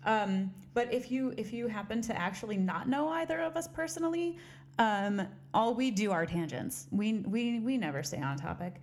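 Her voice is fairly high and a little mellow, moving at a moderate pace. She's a podcast co-host in a casual chat, recorded on a studio mic with headphones on, rambling, giggling, laughing often and poking fun at herself.

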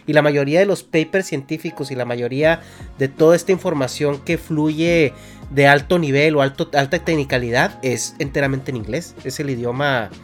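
Mexican co-host guy, explains stuff step by step, voice a bit high, faint music. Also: moderate pace. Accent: Mexican Spanish. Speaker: podcast co-host. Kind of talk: casual podcast chat.

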